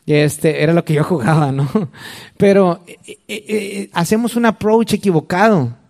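A man's voice: high-pitched, moderate pace, gravelly, darkish tone. A man in his forties with a Mexican accent, preaching a sermon in a conversational way and speaking straight to his listeners. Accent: Mexican Spanish. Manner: conversational, addresses listener directly. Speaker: pastor.

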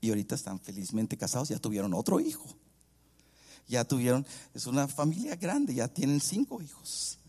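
A male pastor preaching a sermon, acting out the voices of the people in his story and swinging between loud and hushed. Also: mid-range voice, sing-song, moderate pace, slightly rough. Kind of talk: sermon with acted-out anecdote.

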